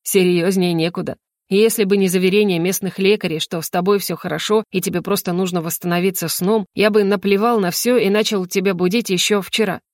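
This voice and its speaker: A gentle, protective young man speaks softly and calmly, as the woman reading puts him on. The tone is tender and reassuring, recorded dry and close for a storybook. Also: mid-range voice, a little fast, no echo, lightly acted. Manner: soft, reassuring.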